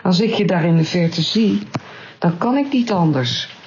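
A woman's voice: on the low side, lively intonation, unhurried, a little mellow, muffled recording, a little hiss or hum. A woman reading a storybook, voicing an anxious young male squirrel in a raised pleading voice.

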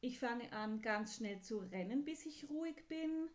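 Woman putting on a troubled young horse from a bedtime story, voice lifted high and pressing, slow and careful, earnest about wanting to feel better. It sounds like a child working something out aloud. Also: expressive. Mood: resolved. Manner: higher and louder than the narration, pleading.

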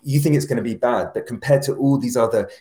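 A man speaking as a podcast guest in casual conversation, talking in an animated way with frequent restarts. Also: mid-range voice, quick pace. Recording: roomy echo.

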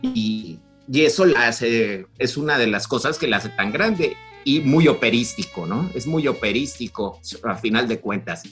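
A man with a Mexican Spanish accent talks casually about film with a mid-range voice. He rambles, with plenty of fillers and restarts, and faint music plays softly behind him. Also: medium pitch, very animated, unhurried, hardly any pauses. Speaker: podcast co-host.

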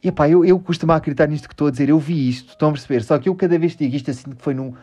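A man's voice: a little high, rapid-fire, mellow, husky, faint music behind. A man with a European Portuguese accent hosting a casual podcast, rambling, joking at his own expense and swearing a lot. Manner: rambling, self-mocking, swears often. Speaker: podcast host.

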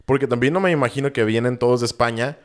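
A young Mexican man with a Jalisco accent, talking in a loose, slangy way full of swearing. He wanders through long explanations in an easy podcast chat, his pitch sitting in an ordinary middle range. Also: fast talker. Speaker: podcast co-host. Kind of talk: casual chat.

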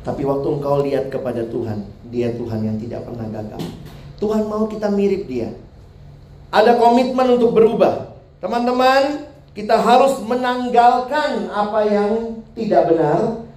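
A man's voice: high-pitched, a little mellow. A man preaching a humorous sermon to young people, joking and laughing at his own jokes. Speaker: youth preacher. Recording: roomy hall sound with faint background noise.

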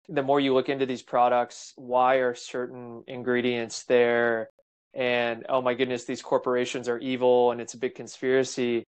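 Male host, mid-pitched, reflective and measured in conversation. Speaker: interview host. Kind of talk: conversational interview.

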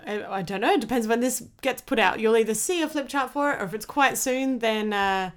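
An Australian woman, a comedian, chatting casually as a podcast guest, talkative and animated in her storytelling. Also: a little high, brisk. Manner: chatty, with lively acted-out quotes.

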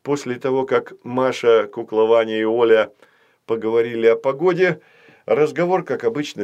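A man's voice: medium pitch, a little mellow, clear, resonant tone, highs cut off. A man narrates a children's audiobook. He tells the story expressively, with a mid-range voice.

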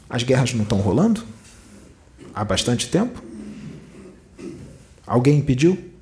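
A man's voice: mid-range voice, a little mellow. A man from Brazil with a Rio de Janeiro accent giving a channeled spiritual teaching, preaching emphatically with many rhetorical questions. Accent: Rio de Janeiro Portuguese. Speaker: spiritual medium.

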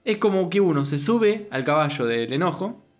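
Reflective Rioplatense co-host, slightly higher man. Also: animated, normal speed. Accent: Rioplatense Spanish. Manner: searching for words, reflective. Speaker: podcast co-host. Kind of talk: casual chat.

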